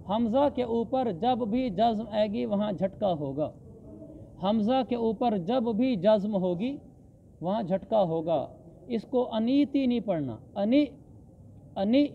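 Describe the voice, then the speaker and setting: Man, high voice, Quran recitation lesson, slow drawn-out verses, dull lo-fi recording, faint noise. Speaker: Quran teacher.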